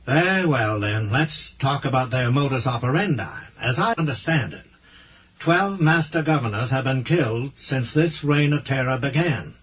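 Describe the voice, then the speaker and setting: A man voicing a self-assured, persuasive male human diplomat in an audiobook, with a husky voice and a slightly patronizing manner. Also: mid-range voice, animated, normal speed, fairly bright tone, voice pushed up.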